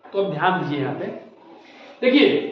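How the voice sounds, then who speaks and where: A man's voice: sits high, very animated, normal speed, a little hiss or hum. A male primary school teacher giving a patient, repetitive classroom lesson, asking the pupils many questions. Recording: echoey muffled classroom recording.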